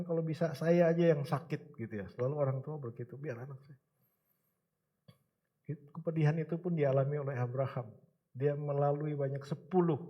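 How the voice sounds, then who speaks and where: A middle-aged man from Indonesia preaching a sermon with a personal testimony, emphatic with the congregation and soft when recounting hardship. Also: a little high, highs cut off. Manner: emphatic, calls out to the congregation, then soft and halting while telling of hardship. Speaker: church elder preaching.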